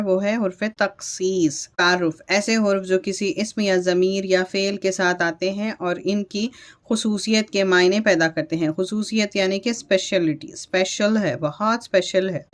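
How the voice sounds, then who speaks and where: A woman teaching a grammar lesson, switching between Urdu explanations and slowly read English definitions, often checking in with her students. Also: medium pitch. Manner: repeats and checks in with "ठीक है".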